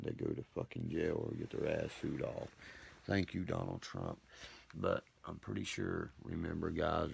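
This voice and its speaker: A man's voice: very deep voice, creaky, breathy edge. A man hosting his own livestream, ranting profanely and boasting while he answers viewer comments. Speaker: livestream host. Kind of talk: rambling livestream monologue.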